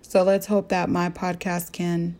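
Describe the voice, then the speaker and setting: Young woman, earnest faith podcast host, soft and warm, slightly low voice. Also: level tone, measured pace. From American Southwest. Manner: earnest storytelling with direct questions to listeners. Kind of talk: faith-based reflective talk.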